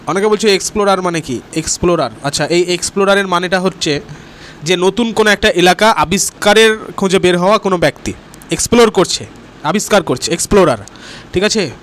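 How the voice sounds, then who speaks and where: A man teaching an exam-prep lesson, explaining terms patiently and reading English questions out slowly. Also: sits high, fairly bright tone. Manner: explains terms patiently, often checks in with 'right?'.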